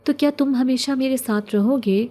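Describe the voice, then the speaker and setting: A woman voicing a lonely, poor young orphan girl who speaks softly and plaintively. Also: high-pitched, voice pushed up, close to an everyday voice. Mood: wistful. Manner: soft, wistful, plaintive.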